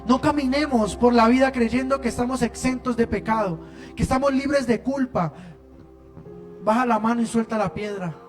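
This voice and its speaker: High-voiced preacher. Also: male voice. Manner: impassioned, swings between loud emphasis and hushed lines. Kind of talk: sermon. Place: church service.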